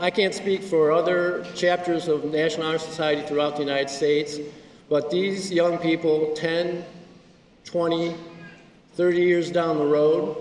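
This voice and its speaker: A man giving a ceremony speech as honor society advisor, slowly reading out students' names. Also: on the high side, darkish tone. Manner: slow, reading out a list of names. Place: large school gymnasium. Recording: echoey gym from far off, crowd noise. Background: crowd murmur.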